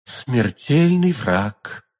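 A man voicing a vengeful, seductive noblewoman in an audiobook reading, speaking softly and insinuatingly. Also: mid-range voice, very animated, extremely slow, exaggerated voice. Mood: cold scheming.

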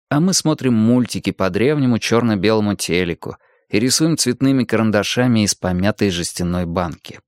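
A man with a mid-range voice narrates an audiobook, reading in a measured yet expressive way. The studio sound is clean, with no echo.

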